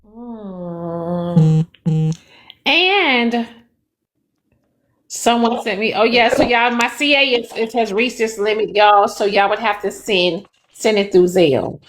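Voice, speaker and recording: A woman's voice: on the high side, measured pace, a bit bright. A woman hosting a casual live panel chat, playfully egging the others on. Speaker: host of a live panel show.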